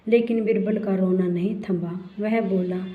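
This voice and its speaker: Slow-reading woman storyteller. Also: medium pitch, fairly even intonation. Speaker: narrator. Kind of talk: scripted storybook narration. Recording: roomy, dull lo-fi recording.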